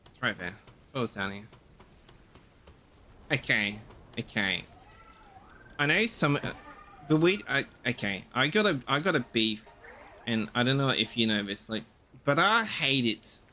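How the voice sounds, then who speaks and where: A man's voice: mid-range voice, big pitch swings, measured pace, bright, forceful tone, slight background noise. A man streaming a game, chatting casually in a rambling, ranting way and swearing freely. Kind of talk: casual chat while gaming.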